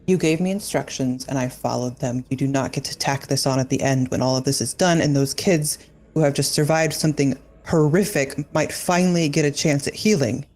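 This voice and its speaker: A woman's voice: rumbling low, fairly quick, a little mellow. A woman player in a tabletop horror game, speaking firmly and steadily in character and narrating her agent's actions.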